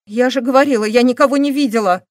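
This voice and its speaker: Woman doing a stubborn young woman, clipped denials, loud, dry sound. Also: fairly high pitch, normal speed, no room sound, lightly acted. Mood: defiant. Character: defiant, sullen young woman under questioning.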